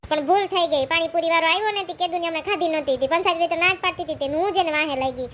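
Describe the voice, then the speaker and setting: A chatty village woman played by a woman, talking in a high, bright voice. She is feisty and pleading, full of excuses. There is a faint hum of room noise behind her. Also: racing. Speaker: comic lead and narrator. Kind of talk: village comedy skit.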